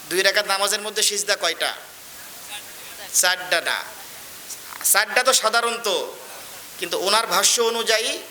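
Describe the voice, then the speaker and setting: A man's voice: sits high, pushed and bright, a little hiss or hum. A man preaching a sermon, telling stories and often asking whether the crowd understands. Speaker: Islamic preacher.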